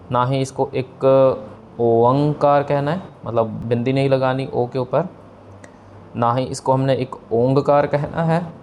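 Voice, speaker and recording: A man's voice: mid-range voice, a little mellow, a little hiss or hum. Patient man teaching scripture pronunciation. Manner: patient, slow demonstrations of pronunciation; mixes English words into explanations.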